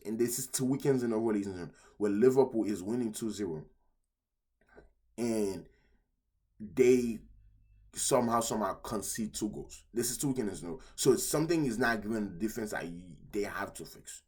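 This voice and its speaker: A sick, out-of-breath man chatting casually as he recaps football results, excitable and repeating himself as he talks to his viewers. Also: mid-range voice, husky. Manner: excitable, repeats phrases, keeps addressing the audience. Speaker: football vlogger.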